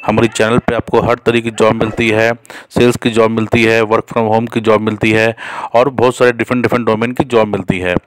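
A man's voice: lowish voice, little pitch movement, moderate pace, no echo. A man hosting a job channel, talking casually in an unscripted voice-over with many fillers and restarts.

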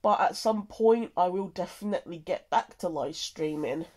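A content creator giving a casual, halting and rambling update, sounding tired and nasally congested from a cold. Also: medium pitch, darkish tone.

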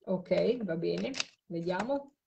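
A woman's voice: fairly low pitch, takes it slowly, creaky, dull audio, very noisy. A tired woman hosting a late live stream, talking to a caller while she replays audio clips. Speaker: host of a live show on spirit voice recordings.

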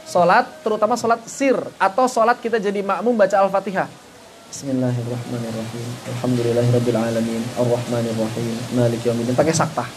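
A man's voice: high-pitched, a little hiss or hum. A man teaching an online Quran recitation class. He poses rhetorical questions, answers them himself, and chants short passages as examples. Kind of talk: online tajwid lesson.

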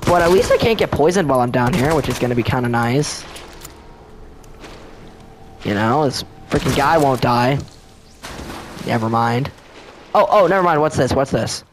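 A man giving casual let's-play commentary, chatty and excitable, often talking straight to the enemies on screen. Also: medium pitch, moderate pace, long pauses, noisy background. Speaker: gameplay commentator.

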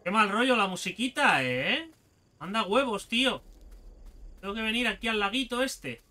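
A man, excitedly commenting as he plays a game, swearing and talking to himself. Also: high-pitched, normal speed. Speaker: gaming video host. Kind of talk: let's play commentary.

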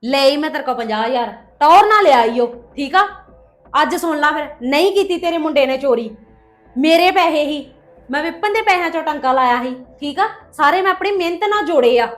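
A woman plays a crafty young wife who needles and scolds the woman she argues with. Her voice sits very high, and her lines come sharp and mocking in a scripted family drama. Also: animated, normal speed. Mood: defiant. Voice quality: taunting, scolding delivery. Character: scheming young wife Pooja, boastful and sharp-tongued. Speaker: actor in a family skit.

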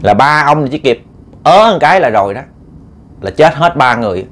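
A male storyteller with a Southern Vietnamese accent narrates a ghost story in an animated, dramatic way. He stumbles and repeats words as he presses the tension, in a mid-pitched voice. Faint background noise sits under the recording. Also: normal speed. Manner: animated, dramatic, repetitive stammering.

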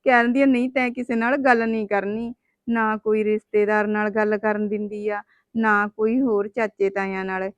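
A woman's voice: mid-range voice, level tone, moderate pace, no room sound, natural voice. A woman playing an unhappy young wife with three daughters who pours out her troubles in a plaintive, complaining manner. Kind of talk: web drama acting.

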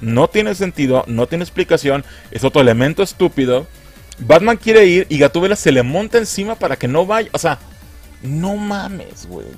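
A Mexican man mocking a film in a comic review, exasperated and crude. His voice sits somewhat high and swings widely in pitch. Faint music plays in the background. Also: big pitch swings, moderate pace. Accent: Mexican Spanish.

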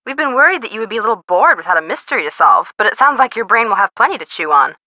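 Bright, excitable Bess Marvin, young American. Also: female voice, on the high side, rapid-fire, dry recording. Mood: playful. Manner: gushing, playful, dramatic. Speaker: voice actor. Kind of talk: video game phone dialogue.

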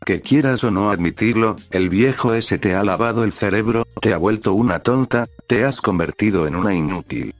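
Man voicing a fiery protective older sister, low, dry, faint music under. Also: moderate pace, hardly any pauses, no echo, close to an everyday voice. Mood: angry. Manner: angry, shouting, scolding. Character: hot-tempered protective older sister, brash woman.

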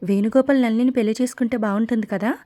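A woman voicing a young, impatient and chatty younger sister in an audiobook story, talking in an excited, slightly haughty way. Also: on the high side, racing, no room sound, natural voice. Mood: eager.

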